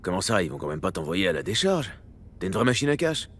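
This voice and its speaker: Low-voiced, laconic streetwise techie. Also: male voice, very animated, quick pace, a bit bright, a little hiss or hum. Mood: disillusioned. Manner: casual, matter-of-fact. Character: laconic adult male streetwise techie mercenary, skeptical but loyal. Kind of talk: video game acting in French.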